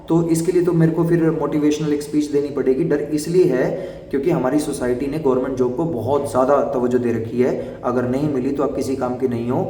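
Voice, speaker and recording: A young man giving fast, direct advice to job interview candidates in an instructive explainer style. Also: medium pitch, dark tone. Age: young adult. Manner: brisk and instructive, addresses viewers directly. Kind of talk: explainer video talk. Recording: echoey room, voice from far off the mic.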